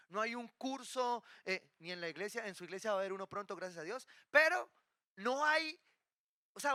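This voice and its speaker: A male pastor delivers a sermon with a high, very bright and sharp voice. He keeps it lively, tossing rhetorical questions to the congregation and slipping in playful asides. The sound is dry and close, with little room around it. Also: dry recording. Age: adult, married with children.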